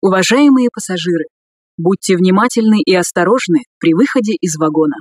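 A woman reading scripted subway announcements in a formal, measured way. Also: lowish voice, breathy edge, no room sound, clean studio sound.

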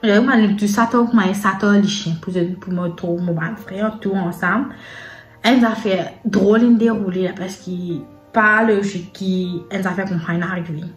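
A woman with a Mauritian Creole accent telling a personal story in a casual storytime vlog, in halting, repetitive phrases with many pauses. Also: mid-range voice, steady tone. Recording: roomy echo with faint background music. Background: faint sad music.

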